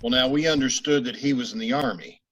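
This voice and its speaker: Guy doing polite no-nonsense police sergeant, kinda husky, short businesslike lines, old radio cop drama. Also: mid-range voice, fast, a bit bright, natural voice, low-quality recording. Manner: terse, courteous, businesslike. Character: polite, matter-of-fact male police sergeant, terse investigator. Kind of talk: 1950s radio police drama acting and narration.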